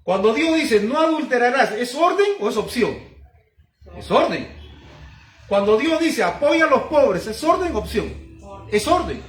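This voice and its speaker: A man's voice: very high voice, sing-song, unhurried, recorded from a distance, faint music behind. A man, a pastor preaching emphatically with repeated rhetorical questions. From Peru. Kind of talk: sermon teaching. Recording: roomy sound from off-mic.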